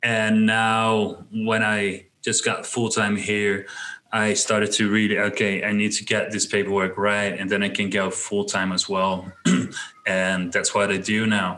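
A man's voice: on the low side, sharp tone, rough recording. A young man from the Netherlands speaking with a Dutch accent as a guest on a video call, talking casually and hesitantly with many fillers and restarts. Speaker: guest web designer. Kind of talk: casual interview chat. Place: small home room. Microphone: headset on video call.

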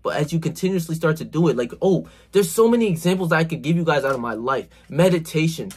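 A man with a high-ish, breathy voice talks quickly with lively intonation. He's a self-improvement vlogger about to turn twenty-one, filming a slangy, emphatic pep talk on his phone in a small bedroom, swearing often, saying "bro," and gesturing a lot.

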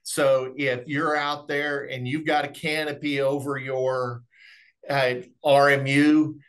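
Slow and flat, his medium-pitched voice has a fairly bright tone. The middle-aged speaker, a remote monitoring specialist, is indoors on a video call giving webinar product training, explaining the technical side in a folksy manner.

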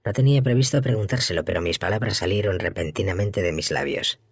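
A man narrating an audiobook in a measured, steady reading. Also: on the low side, no room sound, clean studio sound.

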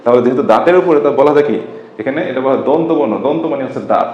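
A man's voice: mid-range voice, rapid-fire. A man teaching a class-style lesson, who keeps asking rhetorical questions, answers them himself and repeats the key terms. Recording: echoey room, dull lo-fi sound.

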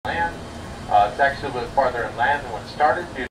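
A man's voice: mid-range voice, animated, fast talker. A man narrating a sightseeing tour from an open-air tour train, rambling with many fillers and light jokes. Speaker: tour guide. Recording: distant voice over vehicle and street noise.

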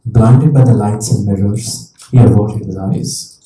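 A man with a very dark, mellow voice speaks thoughtfully at a public talk, pausing and restarting as he goes. He also reads from his own novel. He sounds set back from the mic in a roomy, echoing venue. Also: lowish voice, distant mic. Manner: reflective, with pauses and restarts. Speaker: author and guest speaker. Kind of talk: onstage conversation and reading aloud. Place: talk venue before an audience.

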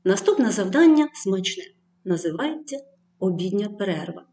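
A woman teacher giving a distance-learning lesson to schoolchildren, reading word lists clearly and addressing the pupils with tasks. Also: mid-range voice, big pitch swings, moderate pace, warm tone.

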